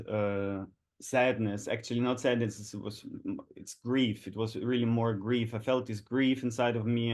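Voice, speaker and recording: A man in his thirties from Austria, telling a personal story slowly and haltingly, with many pauses and restarts, over an online call. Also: medium pitch, a little mellow. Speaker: photographer, guest. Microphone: online video call.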